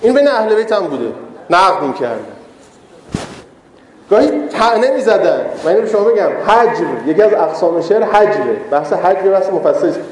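A man's voice: high-pitched, expressive, a little mellow, slight background noise. A man, a cleric, preaching a sermon with rhetorical questions and humorous asides. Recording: echoey hall with long reverb.

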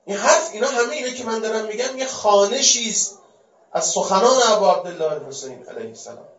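A man giving a religious lecture, firing rhetorical questions and swinging between loud and hushed delivery. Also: high-pitched, animated. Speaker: religious speaker. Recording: distant, echoey, dull-sounding.

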